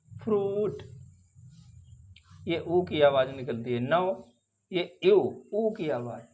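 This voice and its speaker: A man teaching English vowel sounds, slowly repeating each example word. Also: high-pitched, darkish tone, dull audio. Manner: slow, drawn-out, repeats example words. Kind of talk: phonics lesson.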